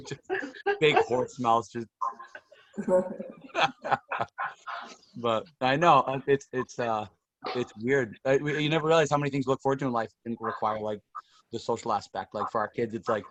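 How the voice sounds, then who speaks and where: A man's voice: mid-range voice, normal speed, long pauses, fairly bright tone. A man, a fitness coach chatting casually on a group video call, rambling and laughing through his stories.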